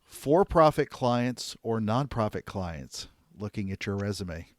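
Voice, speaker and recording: A man hosting a podcast, asking playful this-or-that questions and then giving a measured recap of advice. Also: lowish voice, lively intonation, no echo, studio quality. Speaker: podcast host. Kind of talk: casual interview and scripted recap.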